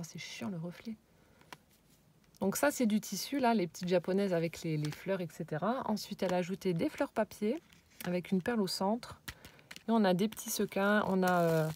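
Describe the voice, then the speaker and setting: A woman casually showing a handmade scrapbook album, hesitant and searching for words, and often dropping into soft, admiring whispered asides. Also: medium pitch, slight background noise. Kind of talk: casual show-and-tell.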